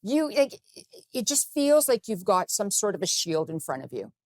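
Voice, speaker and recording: A woman's voice: mid-range voice, sing-song, moderate pace, a little mellow, no room sound, clean studio sound. A woman hosting a talk show, interviewing her guest in an affirming, conversational way.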